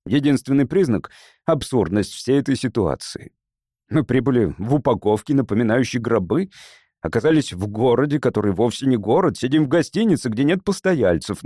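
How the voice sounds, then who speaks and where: A man voicing a patient, determined English politician making a measured, persuasive speech. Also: mid-range voice, warm tone, dry recording, clean studio sound, lightly acted.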